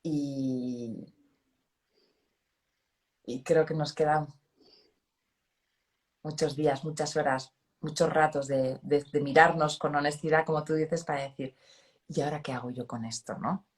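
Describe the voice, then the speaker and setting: A woman's voice: low voice, measured pace, pauses often. A middle-aged woman from hosting a conversation, talking expressively and reflecting on her own thoughts. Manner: expressive, animated, self-reflective. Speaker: host. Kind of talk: casual conversation.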